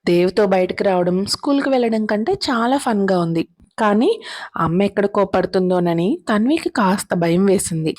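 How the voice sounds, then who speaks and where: A woman telling a serialized story in a steady, even narrating manner. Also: medium pitch, moderate pace.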